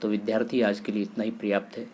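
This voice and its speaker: A man's voice: on the low side, level tone, fast, dark tone, a little hiss or hum. A man teaching a grammar lesson for exam students, steadily listing word pairs and asking and answering his own questions.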